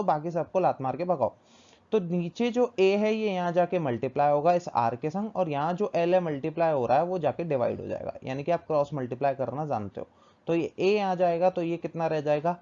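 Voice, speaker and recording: A man's voice: fairly high pitch, mellow. A male teacher giving a physics lesson, asking questions and answering them himself, repeating key terms. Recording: dull lo-fi recording.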